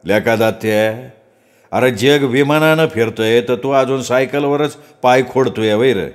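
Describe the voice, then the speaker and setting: A man voicing a flashy, scheming young village rich man who speaks in a slow, coarse, coaxing drawl. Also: medium pitch, lightly acted.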